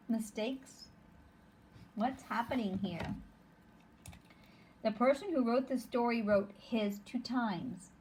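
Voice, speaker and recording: A woman teaches a phonics lesson to young children, reading a simple story word by word and sounding out the letters. She speaks very slowly, with long pauses between words. A faint hum of room noise sits behind her. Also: fairly high pitch. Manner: slow, deliberate, sounding out words.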